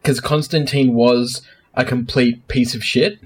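A man's voice: mid-range voice, steady tone, measured pace, slight background noise. A man co-hosting a casual podcast, enthusiastic and talkative, explaining at length and laughing often. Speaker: podcast co-host. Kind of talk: casual chat.

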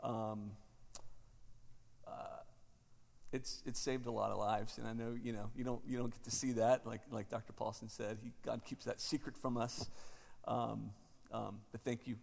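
Man, 30s, pastor, rough gravelly tone, hesitant talker, cathedral echo. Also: medium pitch, flat delivery, a little mellow. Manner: halting, with many fillers and restarts. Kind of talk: conference talk and prayer. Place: large parish church. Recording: cathedral echo, long church reverb.

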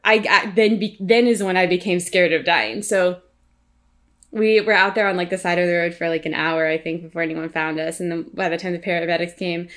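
A young woman in casual conversation, telling a story with animated voices, frequent fillers and laughter. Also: lowish voice, a little fast. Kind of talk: casual chat.

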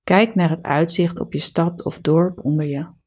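A woman leading a guided relaxation meditation, giving calm, soothing, measured instructions. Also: on the low side, husky.

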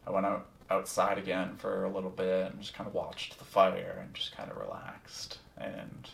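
A man's voice: low voice, moderate pace, vocal fry, fairly bright tone. A man telling a personal story in a casual, candid way. He is reflective, swears freely and uses plenty of ums. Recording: echoey room, distant from the mic.

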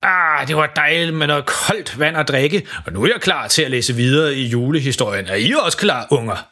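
A man voicing an ancient Santa Claus who reads Christmas stories to children, in a raised, gentle voice. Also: fairly high pitch. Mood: cheerful. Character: old jolly Santa Claus, six hundred years old.

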